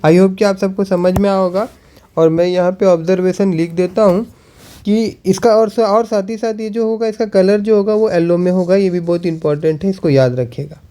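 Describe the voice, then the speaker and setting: Teaching chemistry, this man speaks in a high, mellow voice, echoing each question before answering it and easing his pace whenever he writes on the board.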